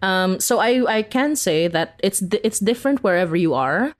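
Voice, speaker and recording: Her voice medium-pitched and her pace normal, a Filipina podcast creator chats as a guest in an interview. She spins animated stories with lots of giggling and uses "like" constantly.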